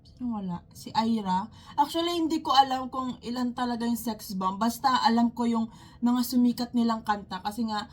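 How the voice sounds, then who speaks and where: A woman's voice: a little high, normal speed. A young woman with a Filipino accent, chatting casually and gushing as she hosts a video reacting to a performance. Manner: chatty, gushing, exclaims loudly. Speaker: reaction channel host. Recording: loud music playing behind.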